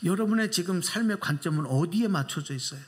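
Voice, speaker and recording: This pastor is a fast talker, animated as he preaches an emphatic sermon in church. He pushes his congregation with rhetorical questions, his pitch swinging widely to stress his points.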